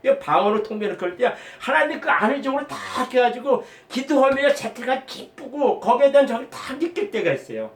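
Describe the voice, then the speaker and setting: A man's voice: very high-pitched, sing-song, brisk, few pauses. A middle-aged man giving an earnest, rambling spoken testimony as a lay preacher, emphatic and quoting his prayers. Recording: echoey room, voice from a distance.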